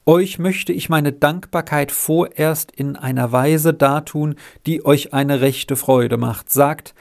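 A man reading aloud, voicing a kind, decisive wealthy father who speaks gently but firmly. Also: on the high side, slow pace, creaky. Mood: kindly.

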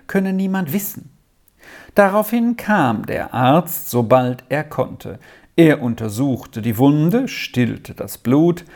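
A narrator reading an old-fashioned children's story aloud in an expressive way. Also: medium pitch, creaky. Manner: expressive, unhurried.

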